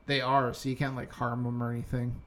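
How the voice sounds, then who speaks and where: Speaking quickly with a crowd audible behind him, the young co-host keeps his mid-range voice fairly flat in pitch. He rambles through a casual podcast chat, full of fillers and restarts.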